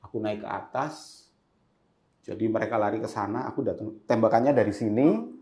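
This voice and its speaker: A man's voice: on the low side, lively intonation, normal speed, darkish tone. A man recounting his experiences as a photojournalist in a podcast interview, acting out his own words as he tells it. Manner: vivid storyteller, acts out his own past words. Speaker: photojournalist guest. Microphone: podcast microphone. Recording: roomy echo.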